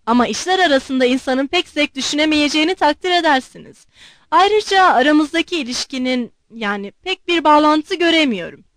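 A woman's voice: high voice, expressive, brisk, fairly bright tone, no room sound, studio quality. A woman voicing a stern, impatient male general in an audiobook, speaking curtly and guardedly.

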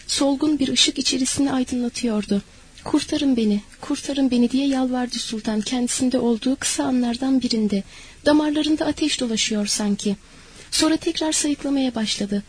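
Audiobook narrator, woman, high husky voice, measured dramatic reading. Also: low-quality recording. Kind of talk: audiobook narration of a historical novel.

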